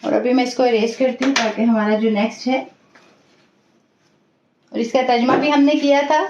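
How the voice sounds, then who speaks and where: A woman teaching an online class, reciting each sound slowly and carefully. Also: on the high side, fairly even intonation, background noise. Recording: echoey dull room audio.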